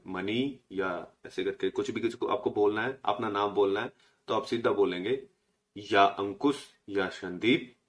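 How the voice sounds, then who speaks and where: A young man from India giving a casual spoken language lesson, patiently explaining and slowly repeating each letter's sound. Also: medium pitch. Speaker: language teacher.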